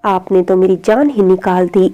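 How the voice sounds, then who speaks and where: A woman's voice: medium pitch, moderate pace, dark tone, close to an everyday voice. A woman voicing an anxious young wife who pleads through tears. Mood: tearful. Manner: pleading, tearful.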